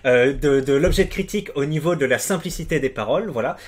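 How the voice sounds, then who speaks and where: A man's voice: on the high side, quick pace. A young man giving casual commentary on a music video from his room at home, hesitant, with many fillers and restarts. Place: room at home with the door closed.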